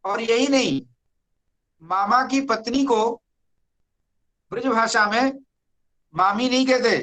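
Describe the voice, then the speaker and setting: A teacher giving an online Sanskrit grammar lecture, speaking deliberately and repeating key words. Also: medium pitch, a bit bright, rough recording.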